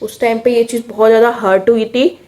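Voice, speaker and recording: Chatty young Indian woman, higher voice. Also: a little fast. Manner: chatty, animated, mixes English words into speech. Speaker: vlogger. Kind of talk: casual storytime.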